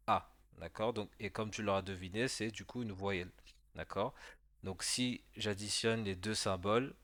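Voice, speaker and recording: A man teaching a beginner language lesson in a patient, explaining voice-over, pausing to check the listener follows and sounding out syllables slowly. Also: lowish voice, a bit bright, no room sound. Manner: spells out sounds slowly for repetition.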